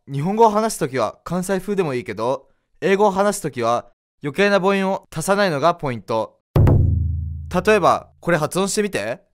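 A co-presenter in a pronunciation lesson who explains and repeats words in a lively, expressive way. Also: medium pitch, moderate pace, faint music behind.

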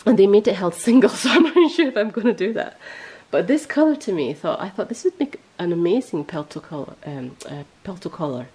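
A woman hosting a podcast in casual chat, rambling and correcting herself as she goes, her voice a little hoarse. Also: medium pitch, sing-song, brisk, few pauses, dark tone, low-quality recording. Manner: chatty, rambling, self-correcting. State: voice going hoarse. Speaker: podcast host.

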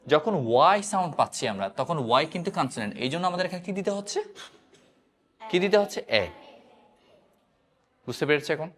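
A man's voice: a little high, animated, fast talker, pauses often, a bit bright. A man teaching an English grammar lesson, repeatedly asking his students questions and drilling the answers. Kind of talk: classroom-style grammar lesson.

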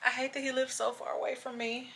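Gushing and chatty, a young adult travel vlogger talks casually to the camera and addresses viewers as y'all. Her voice is high-pitched, creaky and sharp, with a flat delivery at a quick pace.

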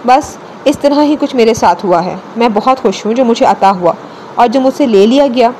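A woman's voice: fairly high pitch, darkish tone, slight background noise, close to an everyday voice, rough recording. A woman narrator voicing a playful, talkative young wife in an audiobook story. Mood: gentle. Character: chatty teasing young wife.

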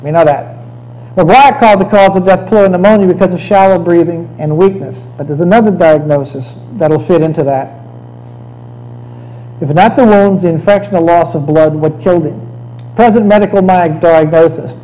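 A man's voice: high-pitched, moderate pace, mellow, poor audio. A man giving a conversational history lecture over slides, often checking in with "okay?".

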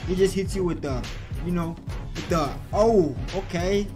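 Young male reaction host: excitable, slangy, drawn-out delivery, voice sitting a little high, music up loud behind him. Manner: excitable, slangy, keeps saying "hey, bro". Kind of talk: casual reaction commentary. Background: clear music from the clip being watched.

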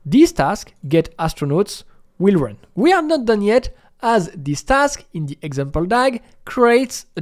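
A man with a high voice teaches a software process one step at a time. His pitch moves up and down a great deal as he gives each instruction.

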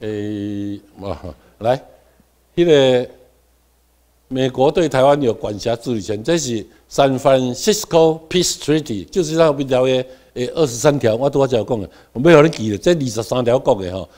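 A middle-aged Taiwanese man giving a classroom lecture, with quiet asides and sudden loud stressed words, having the class repeat terms after him. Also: mid-range voice, lively intonation, moderate pace.

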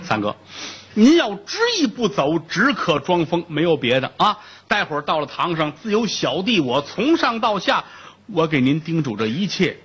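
A man's voice: fairly high pitch, sing-song, normal speed, fairly bright tone, husky, lo-fi sound, exaggerated voice. A man voicing a loyal, urgent male jailer pleading with his friend, in a told story.

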